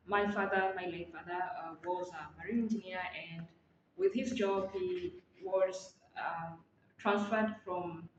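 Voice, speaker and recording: Hesitant Tanzanian woman, echoey lo-fi audio. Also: on the low side. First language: Maa. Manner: hesitant, many fillers and restarts. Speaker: interviewee. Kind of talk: interview answers. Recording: echoey, dull lo-fi audio with faint noise.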